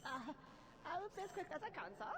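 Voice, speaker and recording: A man's voice: extremely high pitch, animated, fairly quick, heavy background noise, pitched above the performer's own voice. A man voicing a frantic, forgetful old male professor in a mock German accent, dithering and repeating himself. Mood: nervous. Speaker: streamer reading game dialogue aloud.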